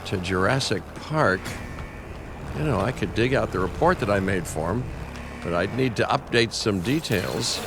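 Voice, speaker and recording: An actor playing a wry, sardonic scientist in a video game, with a gravelly voice and halting, dry delivery. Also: male voice, lowish voice, animated. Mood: dry sarcasm. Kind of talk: video game character dialogue. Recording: clear engine and vehicle ambience noise.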